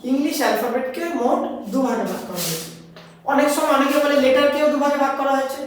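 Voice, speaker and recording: A high-voiced woman teaches a grammar lesson, repeating each point and asking questions as she explains. She sits back from the mic, and her voice rings around a very echoey room. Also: animated, fast, recorded from a distance, slight background noise.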